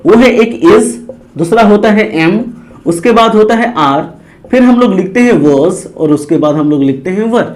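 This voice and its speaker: A man with a very high voice teaching grammar at a classroom board. He repeats each point and asks his students questions, answering them himself in call-and-response. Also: lively intonation, measured pace. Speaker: English teacher.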